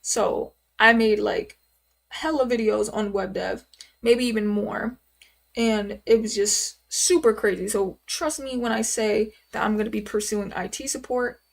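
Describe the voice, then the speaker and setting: A woman's voice: fairly high pitch, unhurried, creaky. A woman in her twenties chatting casually on a live stream, rambling and answering viewers' questions with lots of fillers. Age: 20s. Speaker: livestreamer.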